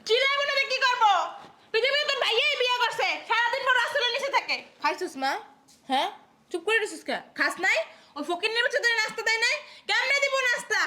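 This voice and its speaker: A shrill, relentless old village mother-in-law, as a woman puts her on in a comedy skit. She scolds in rapid-fire rhetorical questions, her voice very high, fast and sharp. Each jab ends with a nagging "haan?". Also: full character voice. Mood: doting. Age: older.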